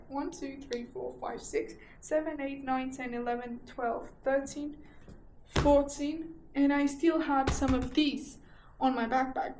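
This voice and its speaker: A woman's voice: high-pitched, a little hiss or hum. A young Portuguese woman with a Portuguese accent, chatting casually about a book haul and repeating herself for emphasis. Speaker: book vlogger. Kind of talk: casual chat. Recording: echoey room with faint ambience.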